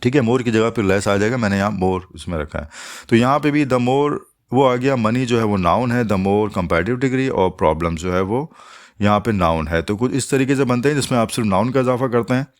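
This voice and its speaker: A man with a mid-range voice and lively intonation teaches English grammar, explaining patiently in steps. He slows down to spell out each English example.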